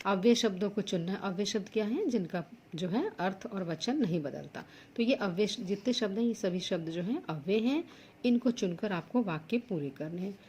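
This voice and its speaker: A woman's voice: medium pitch, expressive, moderate pace, a little mellow, a little hiss or hum. A woman teaching Sanskrit to school students, working through textbook exercises. She reads each Sanskrit word and then explains it plainly in Hindi.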